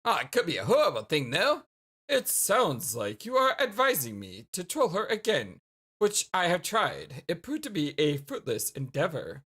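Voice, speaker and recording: Woman as dry alien troll game character; stiff, earnest formality, measured deadpan lines. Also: on the low side, breathy edge, pitched below the performer's own voice, full character voice.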